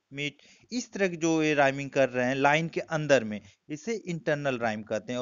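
A man with an Indian accent gives an exam-prep lesson in a smooth, resonant voice with a slightly raised pitch. He explains step by step and slows down for quoted lines. The sound is dry and a little muffled. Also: dry recording. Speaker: teacher.

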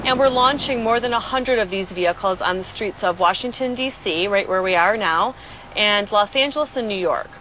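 A woman manager explaining a vehicle outdoors on a city street in a brisk, explanatory way, on a lapel mic. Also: mid-range voice, sharp tone, a little hiss or hum. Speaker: automaker manager. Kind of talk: explaining a product on camera.

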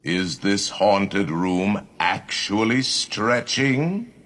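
A man's voice: lowish voice, animated, very slow, fairly bright tone, exaggerated voice. An actor playing a grandly mocking male ghost host, in theatrical, ominous ride narration. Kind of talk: theme park ride narration.

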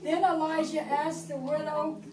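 In a church classroom, a middle-aged woman reads a Bible story aloud to preschool children and prompts them to take part. She speaks unhurriedly in a high-pitched voice with little pitch movement, over a noisy background. A far camera records the echoey room from a distance.

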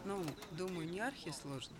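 An actress playing a confident young army engineer in a war film, polite and lightly teasing. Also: female voice, fairly low pitch, lively intonation, normal speed, heavy background noise, natural voice. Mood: composed. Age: young adult. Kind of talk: naturalistic war film acting.

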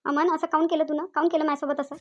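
A tearful young woman engaged to be married, pleading in distress with a Vidarbha Marathi accent, as a woman voices her. Her voice is high, and she talks fast. This is a cartoon role. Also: little pitch movement, lightly acted. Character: young bride-to-be, hurt and tearful.

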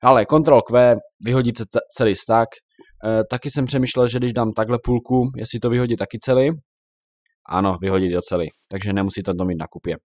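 A young man giving casual, chatty commentary while showing a game, now and then reacting loudly to in-game creatures. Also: medium pitch, no echo, studio quality. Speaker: Minecraft YouTuber.

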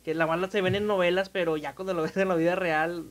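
A man hosting a podcast adds short reactive comments to a conversation. His voice sits high. He talks casually, with no formality. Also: fairly even intonation, fast.

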